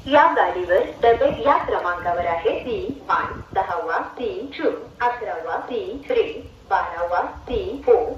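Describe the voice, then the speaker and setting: Woman, station announcer, outdoor loudspeaker, slow measured delivery, heavy echo, crowd behind. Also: mid-range voice, animated, far from the mic, highs cut off. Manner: slow, measured, formal listing of numbers. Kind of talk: public address train announcement. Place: outdoor railway platform. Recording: echoey loudspeaker heard from afar with crowd.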